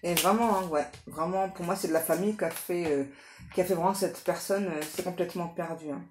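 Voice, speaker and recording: A woman with a slightly low voice reads tarot in a casual, unscripted way, talking straight to the listener. She is halting and repeats herself, often checking in with short tag words. The room is clearly echoey, with a faint noise underneath. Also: fairly even intonation. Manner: halting, repetitive, with frequent tag words seeking agreement. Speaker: tarot card reader hosting a guidance channel. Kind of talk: casual improvised tarot reading addressed to the listener.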